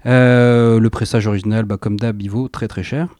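Chatty, dark-voiced male radio host. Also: lowish voice, fairly even intonation, normal speed, no echo. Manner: chatty and enthusiastic, with laughing asides and slangy phrasing. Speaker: radio music show host. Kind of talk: casual chat presenting records.

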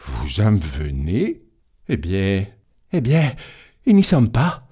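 A man's voice: lowish voice, huge pitch swings, takes it slowly, dark tone, slightly rough, full character voice. A man voicing a solemn male angel who keeps a great book, grave and given to sighing, in a told tale. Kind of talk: audiobook storytelling.

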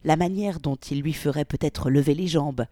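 A woman narrating a novel aloud in a measured storytelling manner. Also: deep voice, warm tone, no echo, clean studio sound. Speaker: audiobook reader. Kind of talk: scripted narration.

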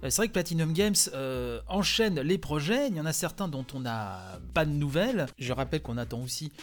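A man's voice: fairly high pitch, lively intonation, a little fast. A man hosting a gaming news podcast, talking casually with many small fillers. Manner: chatty, many "hein" and "euh" fillers.

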